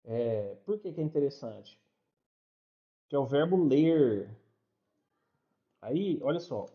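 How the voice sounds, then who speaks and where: A man's voice: medium pitch, animated, slow, dull audio. A man teaching an online English class, explaining step by step in a chatty way and checking in with his students.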